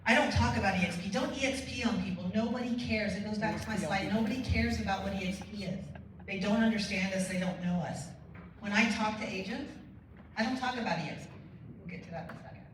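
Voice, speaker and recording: Woman, keynote speaker, lively storyteller; distant mic, very echoey hall. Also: medium pitch, fast talker, noisy background. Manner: energetic storytelling with quoted dialogue. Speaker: motivational speaker. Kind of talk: conference keynote speech. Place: large conference hall.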